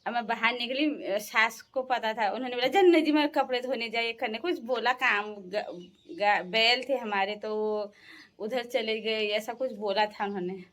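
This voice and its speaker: A woman's voice: a little high, a bit bright. A young woman from the Uttarakhand hills, chatting casually to her viewers as a vlogger and laughing often. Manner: chatty, laughs often, sings folk songs slowly. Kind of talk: casual storytelling.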